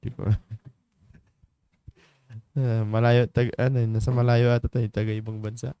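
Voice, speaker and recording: A man hosting a morning church devotion livestream in a studio, chatty, laughing often and filling pauses. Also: medium pitch, flat delivery, clean tone, no room sound, lo-fi sound. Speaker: devotion leader and livestream host. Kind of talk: casual livestream greetings and devotional talk.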